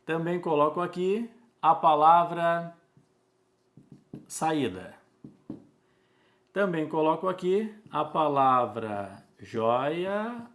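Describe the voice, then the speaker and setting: Slow, deliberate male teacher. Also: a little high. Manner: slow, deliberate, repeats key words for emphasis. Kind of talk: recorded exam-prep lesson.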